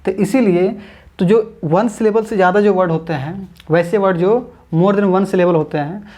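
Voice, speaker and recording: A man teaching an English grammar lesson online, explaining step by step, repeating his points, drawing out example words slowly and calling viewers his friends. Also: sits high, darkish tone.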